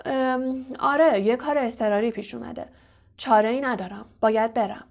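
A woman voicing a vain, evasive male wizard professor who is a fraud, smooth and condescending. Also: fairly high pitch, darkish tone, lightly acted. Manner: smooth, self-justifying, condescending.

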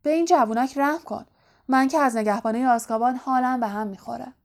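Ernie, a woman doing a muttering old driver. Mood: grim. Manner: low, muttering. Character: gloomy low-spoken older male bus driver.

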